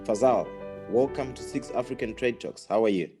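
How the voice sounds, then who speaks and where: A man's voice: medium pitch, normal speed, over music. A man hosting a business podcast, reading formal introductions and asking polite, upbeat questions. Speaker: podcast host. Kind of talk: scripted host introduction and questions.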